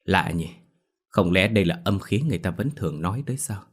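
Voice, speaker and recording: A jumpy, curious young man in an audiobook ghost story, as a male narrator plays him. He mutters to himself in a deep, low voice and bursts into shouts. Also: a little fast. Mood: puzzled.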